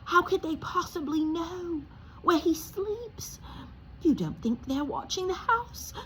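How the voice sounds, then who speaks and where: Woman acting a quivering, high-pitched anxious aunt. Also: animated, takes it slowly, fairly bright tone, slight background noise, heavily acted, low-quality recording. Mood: quivering, fearful. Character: anxious, fretful middle-aged aunt, easily horrified.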